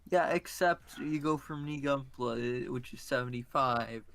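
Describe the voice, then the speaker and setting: A man's voice: medium pitch, unhurried, creaky, a bit bright. A man chatting frankly in a casual group conversation. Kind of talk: casual chat.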